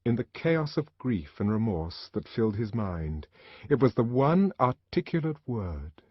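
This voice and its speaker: A husky-voiced man reads a novel aloud, his pitch rising and falling widely as he dramatizes the scenes. The voice sits on the low side and sounds close and dry. The recording itself is dull and lo-fi. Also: a little slow, dry recording. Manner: dramatic, expressive reading. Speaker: audiobook narrator. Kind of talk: scripted literary narration.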